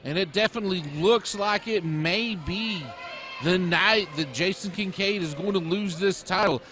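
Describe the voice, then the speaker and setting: A man's voice: high-pitched, normal speed, pushed and bright, a little hiss or hum. A man working as a wrestling color commentator, reacting to the match in an emphatic, dramatic way. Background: crowd at a wrestling event.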